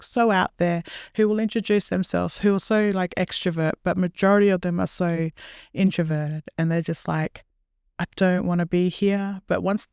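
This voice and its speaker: A woman's voice: fairly low pitch, darkish tone, smooth, no room sound, clean studio sound. A young woman, a nurse, answering interview questions in a chatty, earnest way and laughing at herself now and then. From Australia. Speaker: nurse and podcast guest.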